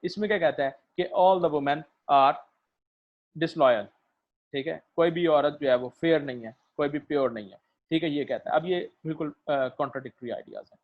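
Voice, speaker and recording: A man giving a literature lecture, mixing in English terms, hesitating with fillers and keeping on asking his students "right?". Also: on the high side. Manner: keeps checking "theek hai?" and fills pauses with "uh", mixing in English terms. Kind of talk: recorded lecture. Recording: dull lo-fi recording.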